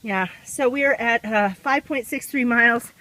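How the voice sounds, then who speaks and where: Woman, bright clear-cut voice, casual vlog chat, talking on the move while walking a trail race, outdoors. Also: fairly high pitch, moderate pace. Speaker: vlogger.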